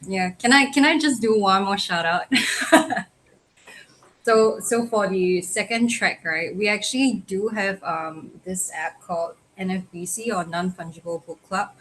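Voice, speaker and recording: A woman's voice: mid-range voice, a little slow, a bit bright, slight background noise, low-quality recording. A woman speaking on a livestream in a casual, hesitant way with many fillers. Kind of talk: livestream chat.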